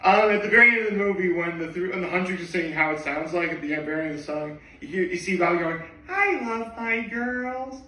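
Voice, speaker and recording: A man's voice: on the high side, steady tone, fast, hardly any pauses, bright, forceful tone. A man chatting casually about a movie he loves, rambling with lots of fillers and rising enthusiasm. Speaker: vlogger. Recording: echoey room, voice from a distance.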